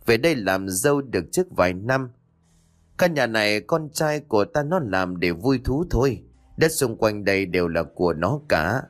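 A man voicing a sorrowful elderly grandmother ghost who pleads in a slow, mournful way in a ghost story. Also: fairly low pitch, natural voice.

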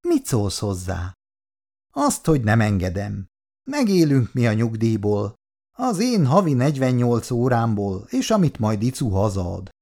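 A grumbling retired old husband. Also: male voice, mid-range voice, very animated, mellow. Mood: scolding. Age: older. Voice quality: muttering. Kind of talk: 1960s radio drama acting.

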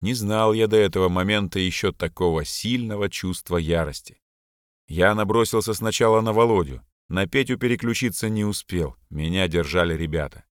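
A man narrating a first-person memoir in a reflective, expressive reading. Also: deep voice, normal speed, no room sound, clean studio sound. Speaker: audiobook narrator.

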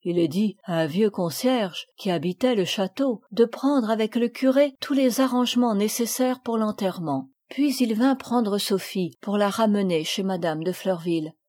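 A woman reading a classic novel aloud as an audiobook, in a clear, measured way. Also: medium pitch, darkish tone. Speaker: audiobook reader. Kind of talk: scripted narration of a classic novel.

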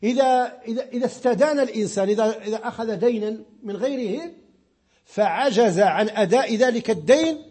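Husky high-voiced Moroccan sheikh teaching. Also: male voice, brisk, darkish tone. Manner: explanatory, repeats words while searching for them. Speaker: sheikh teaching Islamic law. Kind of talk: religious lesson.

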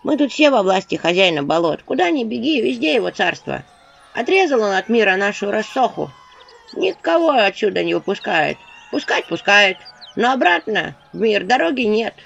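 A woman's voice: medium pitch, very animated, normal speed, vocal fry, a bit bright, exaggerated voice. A woman voicing a group of weary little imps who talk in a sighing, folksy way. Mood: grim. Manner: sighing, matter-of-fact, folksy. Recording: dull audio with faint noise.

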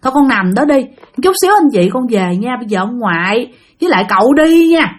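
Woman voicing a gentle ghostly grandfather. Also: on the high side, big pitch swings, fairly quick. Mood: soothing. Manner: soft reassuring.

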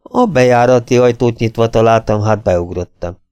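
A man voicing a calm middle-aged private detective in an audiobook, speaking in a cool, measured way. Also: mid-range voice, clear, resonant tone, dry recording, muffled recording, lightly acted. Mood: cold.

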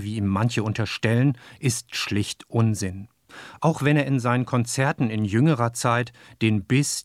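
A man reading scripted radio narration and voicing over an interviewee's words in an even, measured way. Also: mid-range voice, dry recording. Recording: dry studio voice.

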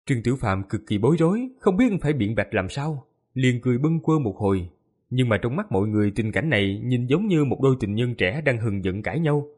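A man narrating a fantasy novel audiobook with lively, expressive storytelling. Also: mid-range voice, a little fast, breathy edge.

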